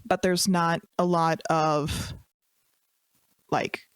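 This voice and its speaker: A woman's voice: lowish voice, level tone, extremely slow, smooth. A woman from Minnesota co-hosting a casual podcast, chatting through lists with fillers like "um". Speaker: podcast co-host.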